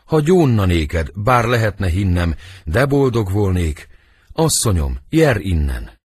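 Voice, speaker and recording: Worried noble dad montague, read by a man, measured husky voice, audiobook play. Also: on the low side, big pitch swings, darkish tone. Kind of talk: audiobook verse drama reading.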